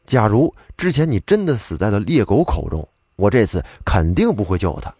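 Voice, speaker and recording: A man's voice: lowish voice, big pitch swings, normal speed, mellow, slightly rough, no room sound, clean studio sound. A man voicing a proud, stubborn young scholar who talks in a cool, grudging way.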